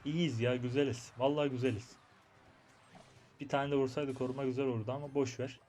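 A young man talks his way through a mobile game match. His commentary is chatty and excitable, and he keeps addressing his viewers while muttering to himself. His voice sits at an ordinary middle pitch for a man. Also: quick pace, soft background music. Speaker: gaming YouTuber. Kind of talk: live gameplay commentary.

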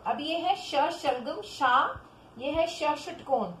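A woman teacher giving a children's Hindi phonics lesson, drawing syllables out slowly and calling the children "beta". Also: high voice. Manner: slow, drawn-out syllables for children. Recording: echoey room with faint background noise.

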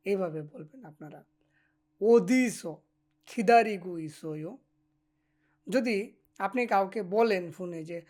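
A woman teaching a language lesson, speaking slowly, repeating each example phrase and often checking in with her listeners. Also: mid-range voice, darkish tone.

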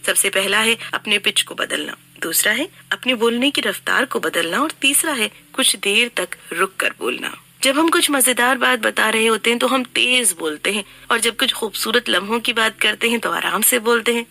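A woman reading a scripted book summary in an even, instructive way. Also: a little high, normal speed, creaky, few pauses. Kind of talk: scripted narration.

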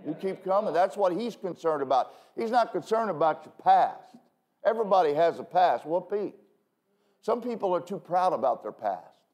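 Chatty pastor with a higher voice. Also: male voice, animated, normal speed, darkish tone. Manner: conversational, self-deprecating asides, frequent "okay?" checks. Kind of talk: sermon. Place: church pulpit.

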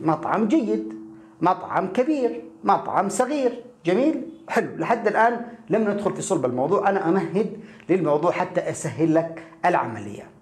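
A man teaching a lesson with an explanatory, animated delivery and frequent rhetorical questions. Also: high voice. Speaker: English teacher. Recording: echoey room.

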